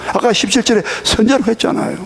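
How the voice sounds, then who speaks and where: A middle-aged man from South Korea preaching a Sunday sermon in a church, his voice sitting notably high. He talks in an animated, conversational way, checking in with the congregation and leading them through scripture readings together. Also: quick pace, vocal fry, slight background noise. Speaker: pastor. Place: church sanctuary.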